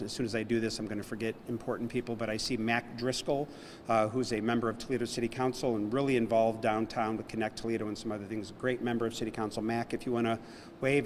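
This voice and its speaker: A man's voice: mid-range voice, long reverb tail, a little hiss or hum. A man, a civic official acting as emcee, closing a ceremony speech in an informal, joking, rambling way. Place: large indoor hall.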